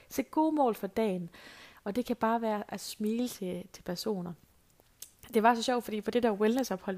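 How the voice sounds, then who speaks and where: A woman's voice: mid-range voice, a little mellow. Chatty woman telling a story. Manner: chatty anecdotal storyteller, many fillers. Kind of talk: casual storytelling monologue.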